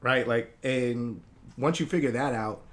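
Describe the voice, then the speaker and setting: A man who grew up in Hawaii, a guest artist talking in a casual interview, relaxed and rambling with many fillers. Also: mid-range voice, a little slow.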